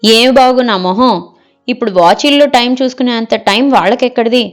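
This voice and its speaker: A woman's voice: fairly high pitch, fairly quick, soft background music, natural voice. A woman reading the part of a picky middle-aged wife in an audio story, scolding and rejecting every suggestion.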